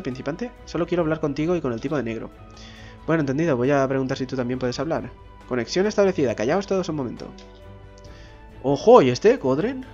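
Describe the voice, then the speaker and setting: A man's voice: medium pitch, darkish tone, dull audio. A man reads game dialogue aloud in a gameplay video. Between the lines he makes casual asides and swears mildly when frustrated. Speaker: gameplay commentator.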